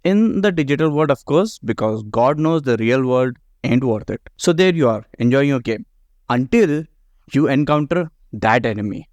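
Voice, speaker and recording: A man's voice: mid-range voice, expressive, moderate pace, darkish tone, no room sound. A man narrating a scripted video game commentary in a sarcastic, profane way.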